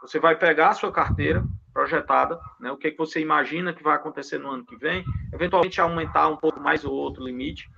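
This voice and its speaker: Fast-talking consultant, gravelly and husky, patient step-by-step explainer, dull lo-fi sound. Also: male voice, on the high side, bright, forceful tone. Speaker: investment consultant guest. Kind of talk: explanatory talk on pension investment rules. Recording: dull lo-fi audio.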